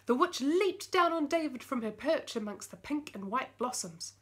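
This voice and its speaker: A woman reading a children's picture book aloud, lively and expressive. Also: high-pitched, normal speed. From New Zealand. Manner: lively, expressive, voices the characters. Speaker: storyteller.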